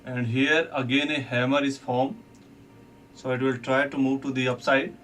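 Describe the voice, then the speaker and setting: On a live trading stream, a man walks viewers through candlestick charts and reads out chat comments. His mid-range voice is level and fairly bright, at normal speed, picked up by a distant mic with faint music in the background.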